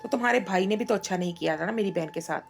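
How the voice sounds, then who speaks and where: A woman voicing a stern, curt young husband who scolds, in a read-aloud story, with a gravelly voice. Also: mid-range voice, racing, faint music behind, lightly acted.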